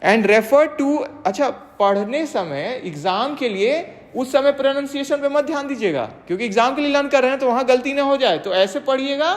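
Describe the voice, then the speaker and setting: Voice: high voice, lively intonation. Patient teacher with a long room echo. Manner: reads English definitions slowly, then explains them in Hindi; checks understanding with frequent tag questions. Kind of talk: exam-prep classroom lecture. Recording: long reverb, echoey room.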